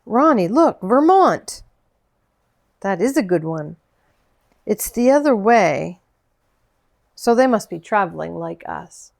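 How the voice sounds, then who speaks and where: A woman doing a calm, kindly older girl. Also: on the low side, unhurried, gravelly, pauses often. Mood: calm, encouraging. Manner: calm and encouraging. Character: calm, kind older girl, big sister type.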